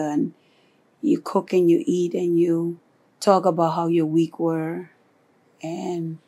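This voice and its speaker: Soft-spoken woman from Honduras, slightly gravelly. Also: on the low side. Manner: soft-spoken, hesitant, many fillers. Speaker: interviewee. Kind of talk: oral history interview.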